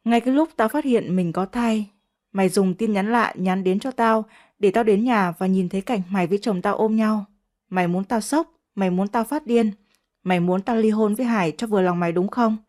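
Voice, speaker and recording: A woman's voice: medium pitch, fairly quick, darkish tone, natural voice. A woman voicing a proud young wife who speaks to her rival in a cold, taunting way. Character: proud, sharp-tongued young wife, defiant.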